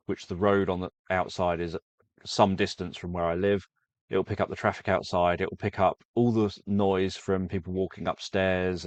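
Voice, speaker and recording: With a deep voice and no audible room sound, this man, who makes sleep stories, chats informally with his audience. His explanations wander and he keeps revising what he says.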